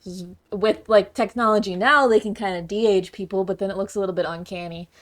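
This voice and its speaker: A woman's voice: mid-range voice, steady tone, brisk. A woman co-hosting a casual podcast, talking things through thoughtfully, with the odd stumble and restart. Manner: thoughtful and conversational, with some stumbles.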